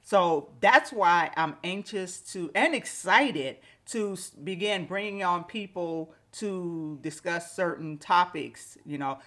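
A woman's voice: on the low side, fairly bright tone. Woman podcaster with slightly slushy retainer speech. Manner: conversational, reflective, addresses listeners directly. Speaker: podcast host. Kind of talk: casual solo podcast monologue. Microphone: microphone with pop filter and windscreen.

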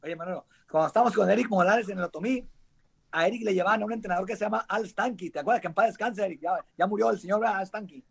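A man with a Mexican accent telling lively stories in casual chat, acting out quotes. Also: high-pitched, racing, gravelly, slightly rough. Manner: animated, laughing, acting out shouted quotes. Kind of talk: casual storytelling.

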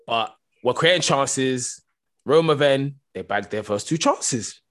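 A young man with a London roadman accent tells a football story as casual banter, animated and full of street slang and tag questions. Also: mid-range voice, slow. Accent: London, multicultural street slang. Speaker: football fan panellist.

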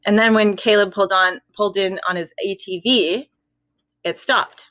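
Young woman, casual spooky storyteller, giggly, mid-pitched, dry close sound. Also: steady tone, moderate pace, a bit bright, no echo. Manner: giggly, laughs between sentences. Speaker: storytelling guest.

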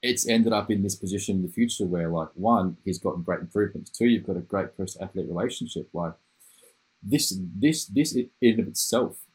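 A man's voice: low voice, brisk, darkish tone, husky, poor audio. A man hosting a casual podcast interview, talking enthusiastically and rambling, often restarting his phrases. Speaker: podcast host.

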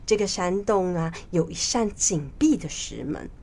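A woman narrating a children's story in a slow, expressive way with drawn-out pauses. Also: on the low side, a little hiss or hum.

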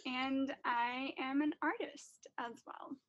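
Slow, high-voiced woman coordinator. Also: fairly even intonation, fairly bright tone, no room sound, lo-fi sound. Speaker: virtual learning coordinator.

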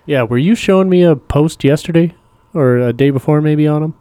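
A man's voice: on the high side, brisk, warm tone, smooth, dry recording. A man co-hosting a podcast, chatting casually and teasing with jokes. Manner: joking, teasing, chuckles often. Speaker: podcast co-host. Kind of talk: casual chat.

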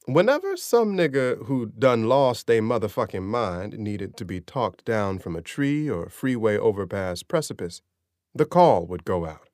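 A man's voice: lowish voice, sing-song, measured pace, darkish tone, no room sound. A man reading a story aloud in a dry, sardonic narrating style. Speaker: audiobook narrator. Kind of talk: scripted narration.

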